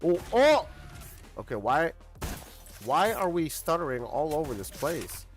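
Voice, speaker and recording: A man streaming a shooter game, commenting casually and shouting when he gets killed. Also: fairly high pitch, measured pace, soft background music. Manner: excitable, yelling at sudden kills. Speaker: livestreaming gamer.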